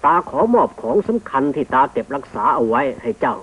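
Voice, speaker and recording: An actor playing a kind, wise old male hermit who speaks gently to his grandson, in an old cartoon. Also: medium pitch, a little fast, slightly rough, close to an everyday voice. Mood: fatherly. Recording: tinny old film soundtrack with music.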